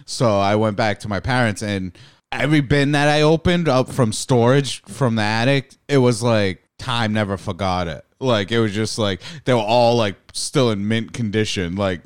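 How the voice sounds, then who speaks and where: Smooth-voiced man rambling casually. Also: on the low side, normal speed, no echo, clean studio sound. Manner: rambling, lots of "like" and "freaking". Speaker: podcast co-host. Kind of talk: casual chat.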